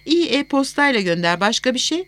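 A woman's voice: high voice, sing-song, fast, fairly bright tone, voice pushed up. A woman reading the lines of a cool, controlling wealthy young man in an audiobook, curt and clipped.

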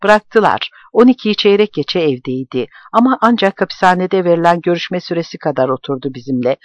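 A man's voice: sits high, expressive, brisk, no room sound. A man voicing a distraught middle-aged woman who sobs as she explains. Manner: sobbing, pleading. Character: tearful middle-aged woman, anxious wife.

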